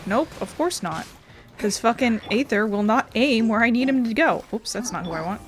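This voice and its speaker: Her voice is a little high and expressive, moving at a moderate pace as she plays through a let's play. The gaming host keeps it casual, sweary and irreverent, partly talking to herself, with faint game music underneath.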